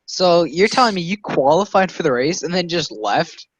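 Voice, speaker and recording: A man's voice: fairly high pitch, animated, moderate pace, no room sound. A man co-hosting a casual podcast, teasing and joking with the others. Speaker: podcast co-host. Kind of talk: casual chat. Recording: dull lo-fi call audio.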